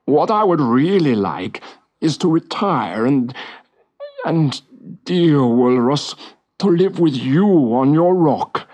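A man voicing an old, humble Viking captain who speaks slowly and tenderly. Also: a little high, animated, darkish tone, slightly rough, pitched above the performer's own voice, full character voice. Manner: slow, tender and apologetic.

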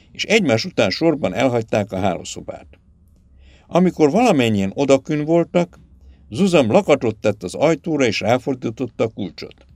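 Lively male audiobook narrator. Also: medium pitch, dry recording. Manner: lively, dramatic reading. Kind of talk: scripted storybook narration.

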